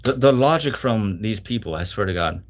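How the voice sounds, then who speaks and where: A man's voice: on the low side, expressive, fairly quick, noisy background. A man arguing insistently in an online debate, repeating himself, cutting in and swearing. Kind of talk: heated argument in an online debate.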